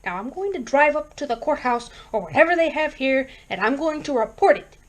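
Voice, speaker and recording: A stubborn, short-tempered husband who speaks bluntly and impatiently, read by a woman in her own high voice. He comes across as a storybook character who means what he says. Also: lively intonation, a little fast. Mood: stern.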